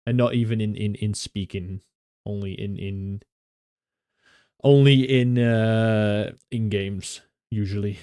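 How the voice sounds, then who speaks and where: A man's voice: lowish voice, fairly even intonation, slow pace, dark tone, clean tone, no echo, clean studio sound. A young Dutch man with a Dutch accent, chatting casually with viewers, often laughing and restarting his sentences. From Netherlands. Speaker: streamer.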